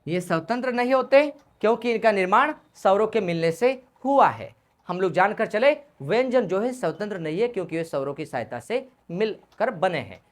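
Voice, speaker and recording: A woman's voice: medium pitch, expressive, moderate pace. A woman teaching Hindi grammar, repeating key points and asking questions that she answers herself. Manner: repetitive, asks questions then answers them. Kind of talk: classroom lesson explanation.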